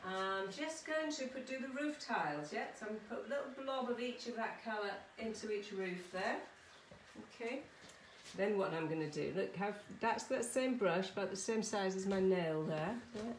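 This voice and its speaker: Here a middle-aged woman artist leads children through a casual art demonstration in a small conservatory-style home studio, chatting, encouraging and frequently checking in with them. She has a mid-range voice and talks at normal speed. The recording comes from a camera or phone a little way off, so it sounds roomy and distant, with some background noise.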